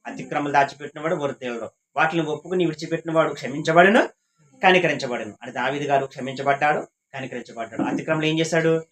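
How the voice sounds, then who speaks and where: A man's voice: fairly high pitch, fast talker, a bit bright, low-quality recording. Repetitive man teaching a Bible class. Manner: repetitive, asks the class questions.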